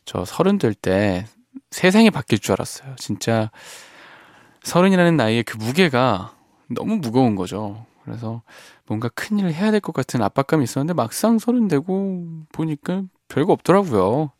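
Reading listener messages on his radio show, a man reflects on them gently and softly, often trailing off into quiet. He has a mid-range, sing-song voice at normal speed, captured dry on a studio microphone in the studio.

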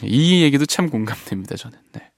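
A man hosting a radio show in a studio, reading listener messages and reflecting on them in a soft, gentle way that often trails off quietly. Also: medium pitch, lively intonation, a little fast, vocal fry, dry recording. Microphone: studio microphone.

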